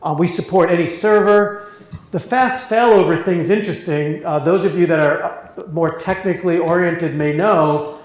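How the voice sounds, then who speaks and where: Brisk male presenter, fairly high voice, very echoey room. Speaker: company presenter. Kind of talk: live presentation with questions.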